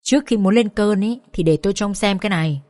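A woman voicing a furious, scheming middle-aged mother-in-law who scolds and curses in a shrill voice. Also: fast, darkish tone, dry recording, clean studio sound, natural voice. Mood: scornful.

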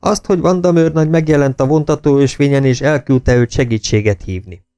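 A man's voice: mid-range voice, dark tone, smooth, no room sound, voice pushed up, natural voice. A man voicing a defiant policeman under interrogation, giving terse, guarded answers. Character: stubborn, defiant policeman held as a prisoner.

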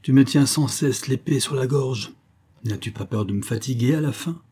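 Male reader as a strained, bitter country pastor, dark husky voice. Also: medium pitch, moderate pace, pitched above the performer's own voice, close to an everyday voice.

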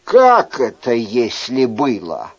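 A man reading an audiobook, voicing a sarcastic, quick-witted man who mocks with ironic reasoning. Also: medium pitch, huge pitch swings, husky, lo-fi sound, full character voice. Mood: indignant, mocking.

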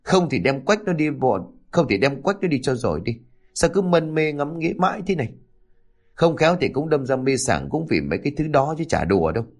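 A man's voice: on the high side, big pitch swings, brisk, a little mellow, voice pushed up. A man doing a fussing older village wife. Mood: exasperated scolding.

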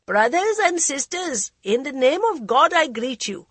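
A woman voicing a frail elderly male freedom leader who addresses a crowd with impassioned oratory in a high, nervous voice. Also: sing-song, a little slow, a bit bright, no echo, exaggerated voice. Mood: impassioned rallying. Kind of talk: audiobook character voice.

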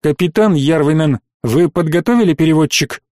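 Stern, weary colonel on a warship, clipped commands, read by a man, slightly high voice, dry. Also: brisk, a little mellow, dry recording, close to an everyday voice. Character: stern weary middle-aged male space colonel.

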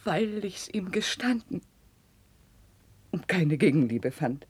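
An actress playing a distraught, guilt-stricken young princess in a theatrical, declamatory 1950s German radio drama style. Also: female voice, fairly low pitch, expressive, slow, husky, no room sound, heavily acted. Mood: anguished confession. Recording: dry 1950s radio studio recording.

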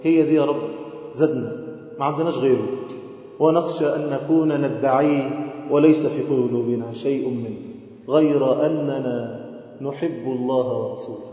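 A man preaching a sermon with an Egyptian Arabic accent, emotive, moving between loud chanting and soft pleading. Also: steady tone, moderate pace. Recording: booming echo with long hall reverb.

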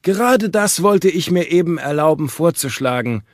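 Ein Mann spielt einen verzweifelten, kranken Arzt. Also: male voice, fairly high pitch, expressive, moderate pace, no room sound, clean studio sound, voice pushed up, lightly acted. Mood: anxious pleading. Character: sick, despairing middle-aged male doctor.

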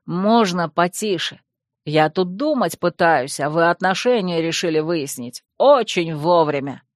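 A man's voice: a little high, normal speed, dry recording, natural voice. A woman voicing a sardonic young fox shifter. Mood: mocking. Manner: dry, mocking, drawling.

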